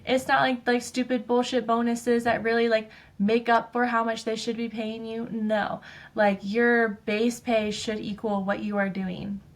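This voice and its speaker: A woman talks straight to her listeners in a loose, unscripted monologue, leaning on "like" and "um" as she goes. Her voice sits a little on the high side, and she gets emphatic and ranty when a point matters to her. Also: little pitch movement, measured pace. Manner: chatty, fills speech with "like" and "um"; emphatic, ranting. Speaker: podcast host. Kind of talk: casual personal monologue.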